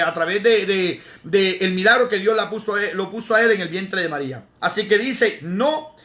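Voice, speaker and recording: A man preaching and teaching scripture in a live stream, his voice pitched high and bright. He is emphatic, repeats words for stress and reads verses aloud between his explanations. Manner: greets viewers by name in between. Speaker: evangelist preacher.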